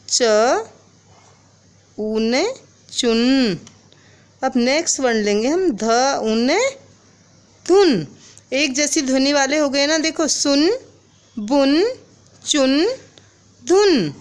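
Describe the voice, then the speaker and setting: Slow, high-voiced Hindi teacher spelling for kids. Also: female voice. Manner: slow, syllable-by-syllable spelling, asks children questions. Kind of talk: children's Hindi lesson.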